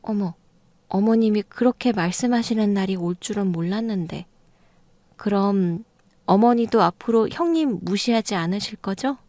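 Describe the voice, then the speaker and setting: A woman's voice: medium pitch, normal speed, dark tone, dry recording, natural voice. A woman voicing a younger daughter-in-law in an audio drama, pressing and reproachful. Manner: insistent, reproachful. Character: younger second daughter-in-law, blunt and accusing.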